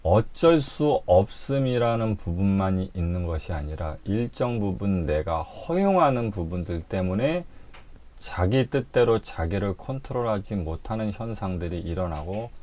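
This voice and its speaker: A man's voice: on the low side, expressive, moderate pace, dark tone. A man giving a spoken lecture, telling the story with animation and acting out the scenes.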